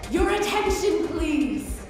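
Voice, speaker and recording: A grandiose female arena announcer in a video game, calling out to the crowd through a loudspeaker. Her very high voice swoops and soars in slow, theatrical sing-song phrases. The sound rings with heavy echo from far across a vast space. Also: very animated, over music, exaggerated voice. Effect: booming over a loudspeaker.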